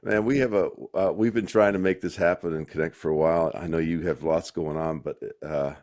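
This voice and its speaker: Very deep-voiced hesitant male host. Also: fairly even intonation, brisk, a little mellow, no room sound, clean studio sound. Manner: friendly, hesitant, many fillers. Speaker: podcast host. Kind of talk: interview conversation.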